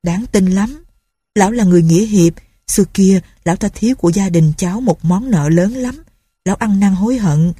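A woman's voice: medium pitch, a little fast, mellow, breathy edge, no room sound, studio quality, lightly acted. A woman voicing an earnest, scheming teenage peasant boy who pleads and reassures. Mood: pleading.

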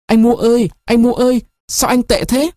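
A man's voice: extremely high pitch, flat delivery, normal speed, dark tone, no room sound, studio quality, pitched above the performer's own voice. A man voicing a timid young village girl who pleads tearfully with her lover. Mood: pleading.

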